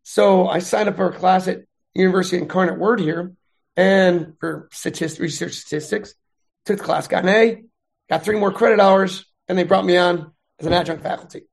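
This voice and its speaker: A middle-aged man, a veteran and math instructor, chatting in an interview with animated, rambling storytelling. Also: high voice, normal speed, creaky. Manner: rambling, animated retelling with voiced quotes.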